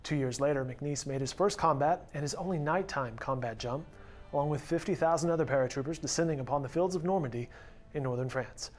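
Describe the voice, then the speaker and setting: Higher-pitched male news narrator over music. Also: brisk, darkish tone. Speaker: reporter narrator.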